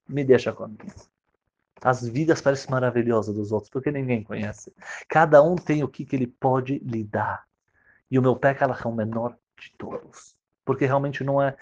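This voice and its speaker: A man giving a sermon, telling stories and acting out the voices in them with sudden loud, high cries. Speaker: religious teacher. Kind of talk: sermon with storytelling. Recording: dull lo-fi recording.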